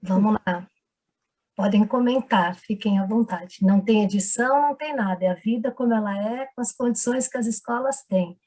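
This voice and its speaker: A woman's voice: mid-range voice, moderate pace, a little mellow. A woman, a teacher trainer leading an online seminar who encourages the group and keeps asking them questions. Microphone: video call microphone.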